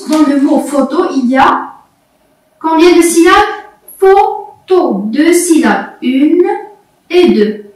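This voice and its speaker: A woman's voice: high-pitched, distant mic. A woman teaching young pupils to read, patiently repeating and spelling out letters and syllables. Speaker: primary school French teacher. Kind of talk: slow classroom video lesson. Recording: echoey room, voice off-mic.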